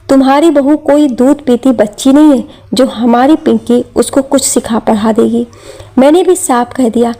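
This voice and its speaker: A woman's voice: on the high side, warm tone. A woman telling a family drama story in scripted narration, reading every character's lines in her own voice.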